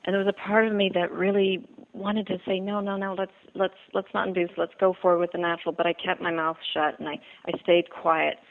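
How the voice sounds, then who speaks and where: Her voice is lowish with little pitch movement as she tells her personal story over the phone. The speaker, a Bahamian woman appearing as an interview guest, is earnest yet halting, leaning on fillers and repeats.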